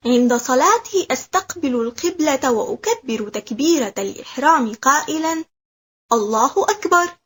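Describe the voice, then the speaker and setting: A woman narrating a scripted lesson for children, explaining each step slowly and clearly. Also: sits high, expressive, fairly bright tone.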